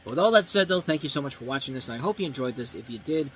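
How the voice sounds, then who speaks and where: A man's voice: mid-range voice, expressive, rapid-fire, a bit bright, slight background noise, rough recording. Casual male movie reviewer. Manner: casual, rambling with fillers. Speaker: movie review show host.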